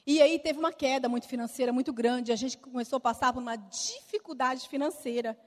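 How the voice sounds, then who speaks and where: A middle-aged woman with a Brazilian Portuguese accent sharing a personal testimony with lively storytelling and acted-out dialogue, in a church hall. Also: sits high, brisk. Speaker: speaker giving a testimony. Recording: long reverb of a large hall.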